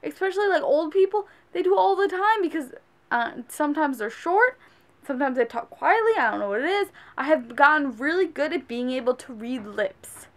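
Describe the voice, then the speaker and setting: A woman's voice: sits high, animated, normal speed, fairly bright tone. A woman on a casual rant as a sandwich shop worker, exasperated and scolding, speaking emphatically.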